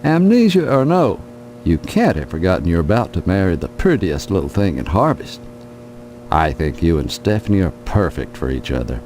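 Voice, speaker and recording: An actor voicing a folksy, skeptical small-town sheriff in a video game, paternal and admonishing, with a drawl. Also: male voice, deep voice, big pitch swings, normal speed, a little mellow, faint music behind, poor audio. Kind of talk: video game character acting.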